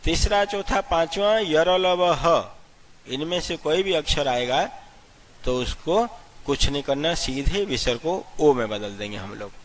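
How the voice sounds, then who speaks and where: A man teaching a grammar lesson step by step, asking questions and answering them himself, and spelling out letters slowly one at a time. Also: on the high side, lively intonation. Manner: explains step by step, asks and answers his own questions. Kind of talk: classroom-style grammar lesson.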